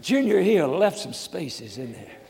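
Older preacher in a reverberant hall. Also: male voice, high voice, very animated, a little slow, vocal fry. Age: 70s. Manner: folksy storytelling, swings from hushed asides to loud shouts. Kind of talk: sermon.

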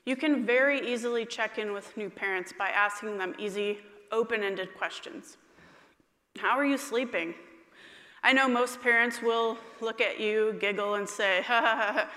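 A woman physician giving a talk to fellow doctors, clear and friendly with light humor. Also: mid-range voice, bright, forceful tone. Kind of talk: conference talk. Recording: long hall reverb.

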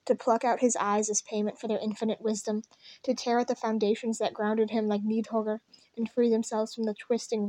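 Soft, even woman reading a story. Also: medium pitch, dry recording. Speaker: reader. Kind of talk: fan fiction read-aloud.

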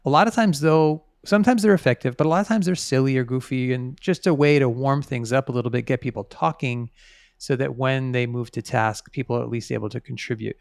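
Gravelly, creaky man explaining in an interview. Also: medium pitch, fairly quick, a little mellow, dry recording, studio quality. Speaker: author interviewed as a guest.

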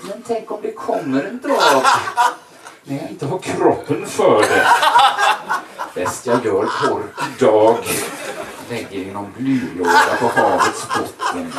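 A man's voice: mid-range voice, animated. A man doing a stand-up routine, ranting with exaggerated indignation. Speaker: stand-up comedian. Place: bar stage. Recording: echoey, distant live recording with loud noise.

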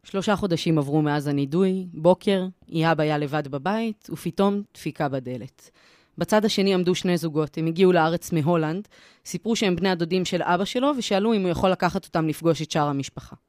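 A reporter narrating a documentary story in a calm, measured, scripted voice. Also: female voice, fairly low pitch, no echo, studio quality.

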